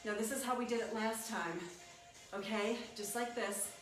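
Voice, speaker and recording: Female aerobics instructor, slightly high voice, unhurried encouraging workout cues; distant mic in a very reverberant room. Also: fairly even intonation. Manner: encouraging, coaching in short cues. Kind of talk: instructional workout cueing with counts. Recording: echoey room, distant mic, music behind. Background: workout music.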